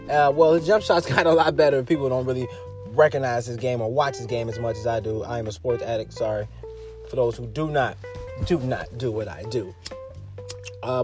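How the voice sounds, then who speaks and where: Male podcast host, casual and profane, raised pitch, light music bed behind. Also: a little mellow. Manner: loose and profane, rambling with fillers and restarts. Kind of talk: casual sports talk.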